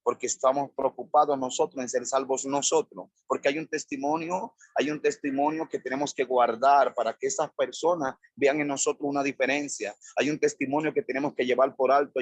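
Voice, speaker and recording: A man's voice: mid-range voice, husky, no room sound. A male pastor preaching a sermon, repeating phrases in emphatic lists.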